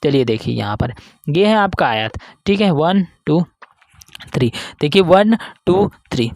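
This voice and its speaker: A man's voice: a little high, lively intonation, measured pace, darkish tone, no room sound. A man teaching an exam-prep reasoning class. He asks questions and answers them himself, sometimes speaking as his students. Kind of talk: online exam-prep lesson.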